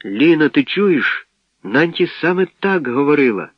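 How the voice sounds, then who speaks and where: A man voicing an eager, impulsive young boy on a space voyage, exclaiming excitedly, on a dull, dry recording. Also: on the low side, moderate pace, dry recording, natural voice.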